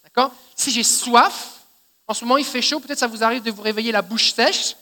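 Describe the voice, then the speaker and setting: A man with a Québécois French accent preaches a sermon in a high, bright and sharp voice. He teaches in a chatty way and keeps checking that his listeners follow. His voice rings with a long reverb, as in a church hall. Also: a little fast. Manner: conversational teaching, often checking in with "d'accord?". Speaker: pastor.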